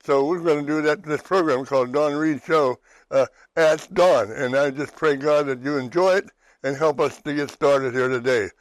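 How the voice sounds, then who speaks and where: A man's voice: on the high side, moderate pace, dry recording, poor audio. Pennsylvania guy hosting a faith show, rambly, keeps restarting, dry sound. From western Pennsylvania, USA. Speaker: talk show host. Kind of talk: personal testimony chat.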